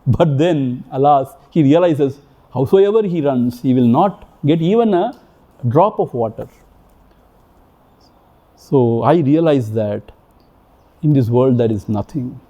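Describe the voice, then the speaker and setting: A spiritual teacher addresses a retreat audience in a hall, speaking emphatically and repetitively and posing many rhetorical questions. His medium-pitched voice is mellow with lively intonation, slow and full of long pauses. The recording sounds muffled.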